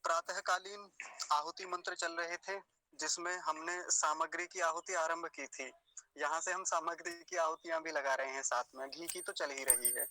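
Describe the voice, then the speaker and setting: Male teacher, slightly high and sharp, breaks words into slow syllables and quizzes students. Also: steady tone, no room sound, low-quality recording. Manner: drills words slowly, syllable by syllable. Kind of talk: pronunciation lesson.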